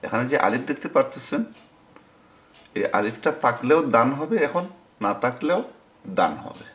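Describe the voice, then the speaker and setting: A man teaching Quran recitation in a screen-recorded lesson, sounding out syllables slowly and repeating them. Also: mid-range voice, lively intonation, fairly bright tone, muffled recording.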